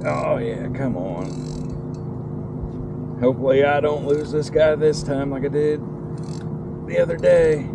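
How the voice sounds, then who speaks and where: A middle-aged kayak angler, filmed on a kayak-mounted camera out on open tidal water, talks excitedly to the fish and exclaims loudly. His voice sits on the high side and is unhurried with long pauses, while loud wind and water noise fill the recording.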